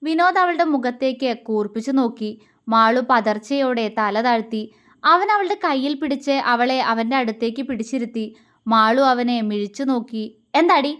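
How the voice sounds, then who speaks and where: A woman reads a serialized romance novel aloud as the storyteller of her channel. Her voice sits high, and she narrates in a calm, even way.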